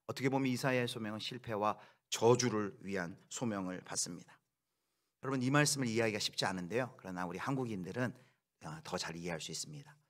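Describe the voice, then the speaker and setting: Male pastor, sermon delivery, expressive, sudden raised voice. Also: on the low side, fast. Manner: preaching with acted quotes and sudden loud outbursts.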